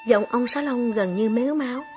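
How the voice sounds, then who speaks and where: A woman reading a story aloud in calm, measured narration. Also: a little high. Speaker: audiobook reader. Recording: slightly dull recording, soft music behind.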